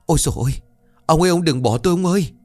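A man's voice: lowish voice, moderate pace, faint music behind, close to an everyday voice. A man voicing a distraught middle-aged wife of a rich village landlord, wailing and pleading shrilly. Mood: frantic.

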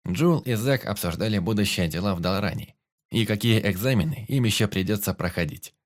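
A man narrating an audiobook in first person, calm and matter-of-fact. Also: fairly low pitch, a little fast.

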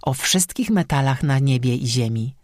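A fierce star-woman and master smith, commanding and grave, voiced by an audiobook narrator. She speaks firmly, with a note of warning, at a middling pitch. The storybook recording is close and dry. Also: lively intonation, normal speed, no room sound, natural voice. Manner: firm, warning tone. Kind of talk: audiobook reading.

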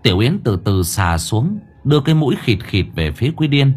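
Lively male horror story narrator. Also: medium pitch, a little fast, slightly rough, soft background music. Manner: expressive storytelling with vivid sound words. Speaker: audiobook narrator.

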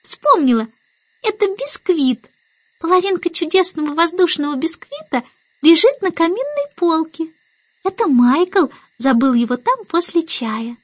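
A woman reading an audiobook and voicing a sleepy, petulant baby girl in a high, childish voice. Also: lively intonation, moderate pace, dry recording, lo-fi sound. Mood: whiny.

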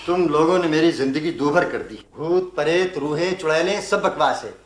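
A man's voice: fairly high pitch, animated, brisk, lightly acted. A man playing an irritable young husband who scoffs at ghost stories, in a roomy old radio drama recording. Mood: scoffing. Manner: scoffing, impatient. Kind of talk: vintage radio drama acting.

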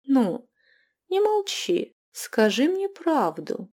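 A woman's voice: high voice, very animated, extremely slow, a little mellow, voice pushed up, heavily acted. Gema, a woman voicing a mocking vampire queen witch. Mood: taunting. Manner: mocking, taunting, hissing. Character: scheming ancient female vampire queen witch. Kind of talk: audiobook character voice.

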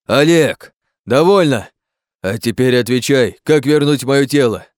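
Man playing a huge rumbling monster, panicked, furious, shouting, audiobook. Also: unhurried, dry recording, clean studio sound. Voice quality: low rumbling voice. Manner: shouting in distress.

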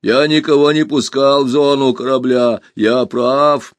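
A man voicing a stubborn, dutiful male ship robot in a storybook reading, speaking in a slow, deliberate, measured way. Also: mid-range voice, steady tone, dry recording, pitched above the performer's own voice, close to an everyday voice.

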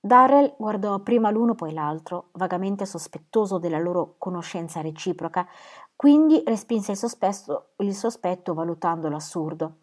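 A woman reading a novel aloud in a measured, expressive narration. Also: on the low side. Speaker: reader.

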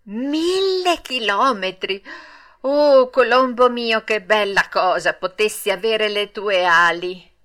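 A woman's voice: mid-range voice, unhurried, a bit bright, clean tone, natural voice. A woman voicing a wooden puppet boy in an audiobook, wailing and pleading through sobs. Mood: eager. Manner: sobbing, wailing pleas. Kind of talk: audiobook character voice.

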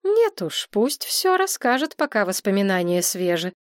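A woman voicing a practical, sharp-tongued woman who speaks curtly and commandingly. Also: medium pitch, sing-song, no echo, studio quality, natural voice. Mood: stern. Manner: curt, brisk, commanding.

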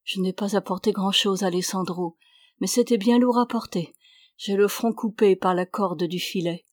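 A woman reading the lines of a tender, devout young runaway woman in a storybook, in a soft voice that lifts when she is moved. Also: medium pitch, normal speed, no echo, clean studio sound, lightly acted.

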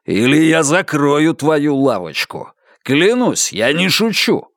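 A brash, bullying loudmouth who blusters and threatens, as a man puts him on in a storybook reading. He talks a little above the narrator's pitch, with big, swinging intonation. The sound is dry and close. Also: lively intonation, unhurried, no room sound. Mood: threatening.

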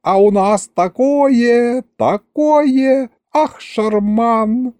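Male reader doing a high, swooping, excitable young vampire girl, dreamy storybook figure. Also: dry recording. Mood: gushing. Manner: sighing, drawn-out, breathless gushing. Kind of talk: audiobook character reading.

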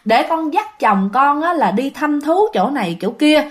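A woman's voice: high voice, animated, unhurried. A woman voicing the ghost of a dead young woman, cheerful and eerie. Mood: excited.

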